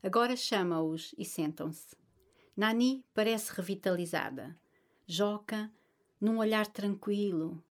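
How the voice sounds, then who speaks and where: A woman reading a literary story aloud at a middle pitch. Her delivery is measured and expressive, the steady pace of scripted narration.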